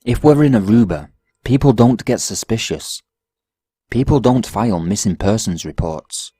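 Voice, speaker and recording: A man voicing a calm, mocking male killer in a horror story, speaking in an unnervingly even tone. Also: on the low side, moderate pace, slightly rough, dry recording, clean studio sound.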